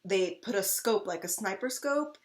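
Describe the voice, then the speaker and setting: A woman's voice: mid-range voice, animated, normal speed. A woman co-hosting a casual fan Q&A video, telling long rambling stories full of fillers and restarts. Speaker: channel co-host.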